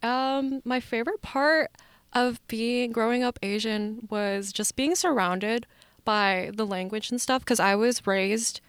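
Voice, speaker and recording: A woman's voice: on the high side, fairly even intonation, slow, clean tone, dry recording. A young woman from Canada hosting a casual campus radio chat, upbeat and full of filler words. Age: young adult. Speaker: podcast host.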